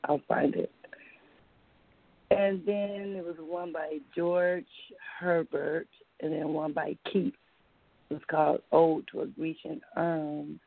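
A woman calling in to a radio show, her voice thin and tinny like through a tin can phone, talking in a halting way as she searches for words. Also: low voice, level tone, vocal fry, no echo. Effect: tinny phone sound, like a tin can phone. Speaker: caller. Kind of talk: call-in poetry reading.

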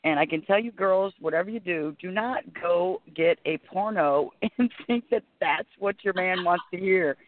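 A woman's voice: on the low side, normal speed, hardly any pauses. A middle-aged woman chatting casually and agreeably as a guest on a talk show. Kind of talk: casual chat. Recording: dry, narrow phone-line sound.

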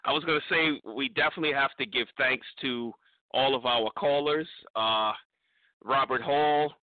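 A man hosting a radio show, thanking sponsors and callers in a relaxed way with many fillers. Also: mid-range voice, moderate pace, no echo, narrow, tinny audio. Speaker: radio host.

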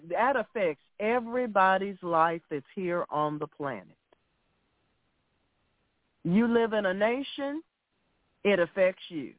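A man preaching a sermon with scripture, speaking in an emphatic, admonishing way and deliberately repeating phrases. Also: sits high, no room sound. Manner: admonishing, exhorting. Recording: thin, narrow phone-like sound.

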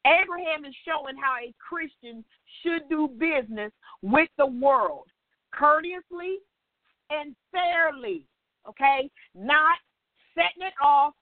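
Older woman, Bible study teacher, high voice, folksy and animated, tinny dry phone audio. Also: slow, dry recording. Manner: animated storyteller who acts out dialogue; folksy, chatty, checks in with listeners.

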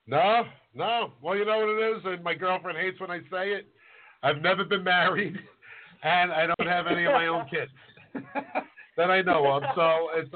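Man in his forties on a tinny line. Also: sits high. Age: 40s. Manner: rambling, joking, self-deprecating. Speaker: chef. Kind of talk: casual podcast chat.

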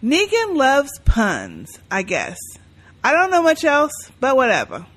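A woman's voice: sits high, huge pitch swings, measured pace, a bit bright. A woman co-hosting a podcast, chatting and reading listener emails aloud in a blunt, sarcastic way, swearing freely. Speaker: podcast co-host.

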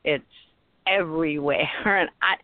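A woman's voice: sits low, a little slow, dry recording. A middle-aged or older woman with a Rhode Island accent, chatting casually as host of a talk show. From Rhode Island, USA. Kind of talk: casual panel chat. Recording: tinny phone-like internet call audio.

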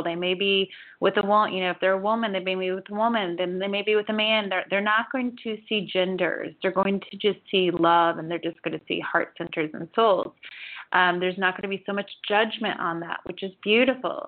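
Chatty woman in her forties, tinny sound. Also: mid-range voice. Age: 40s. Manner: chatty, rambling, frequent "you know". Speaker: psychic reader. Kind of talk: spiritual forecast monologue. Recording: tinny phone-like audio.

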